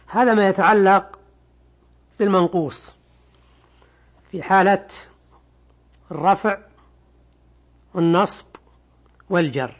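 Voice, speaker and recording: A man teaching an Arabic grammar lesson, explaining slowly and repeating key words. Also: high voice, fairly bright tone. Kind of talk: classroom lesson on grammar and Quran readings.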